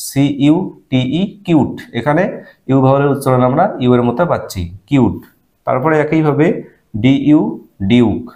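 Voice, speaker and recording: A man's voice: medium pitch, dark tone. Patient man teaching phonics. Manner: patient, repeats each word slowly, checks in with "all right?"; spells letters then sounds out syllables. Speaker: English teacher. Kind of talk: step-by-step phonics lesson.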